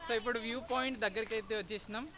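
A man's voice: high-pitched, steady tone, rapid-fire, noisy background. A young man, chatting upbeat through a travel vlog and calling out to viewers as friends. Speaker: travel vlogger. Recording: crowd chatter behind.

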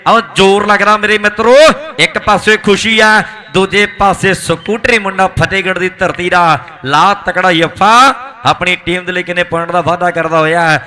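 A man with a Malwai Punjabi accent gives live kabaddi commentary in an excited, rhythmic hype style with repeated exclamations. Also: sits high, moderate pace. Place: outdoor village tournament ground.

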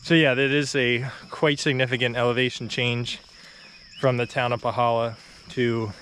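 This is a casual walking vlog: a young adult man, mid-range voice, moderate pace, chatting easily with plenty of fillers and brief laughs. Heading uphill on a quiet rural road, he's slightly winded. The camera, a phone or action cam, is held at arm's length, with slight background noise.

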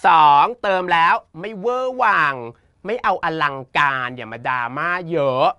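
A man with a Thai accent teaching an English exam lesson in a playful, teasing, campy way, reading the English options slowly. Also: sits high, very animated, pushed and bright, no room sound. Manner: campy, teasing, uses feminine polite particles.

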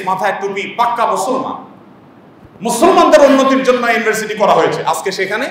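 Fast-talking preacher guy, fired up, lots of echo, mic far off. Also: high voice, fairly bright tone. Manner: impassioned, rhetorical questions and repeated lists. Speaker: Islamic preacher. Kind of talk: sermon-style lecture.

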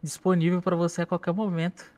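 A man's voice: high-pitched, flat delivery, fast, darkish tone. A man in a game roleplay, sweet-talking and flirting with another character. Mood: flirty. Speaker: roleplay player.

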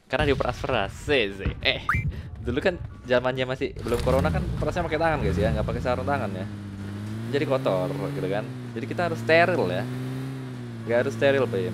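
A young Indonesian man chatting casually and jokingly while playing a shooter game, giving viewers friendly advice between the jokes. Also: mid-range voice. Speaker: gaming YouTuber. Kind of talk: casual gameplay commentary. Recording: loud game music. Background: game music.

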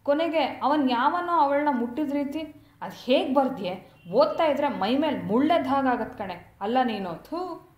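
A woman voicing a prudish female friend who scolds with sharp, scornful exclamations. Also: high voice, expressive, normal speed, roomy sound. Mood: disgusted scolding.

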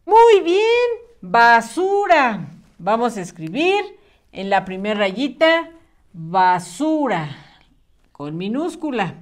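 A woman, teaching young children how to spell. Her voice is a little high and moves up and down a lot. She speaks slowly and clearly, patient and encouraging. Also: very animated, a little mellow. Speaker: primary school teacher.

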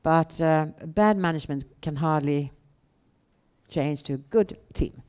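A middle-aged woman with a Swedish accent, answering questions on stage in a measured, halting way with pauses. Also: deep voice, mellow, clean tone. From Sweden. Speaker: guest, bank founder and chief executive. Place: indoor event room on a small stage. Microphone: headset.

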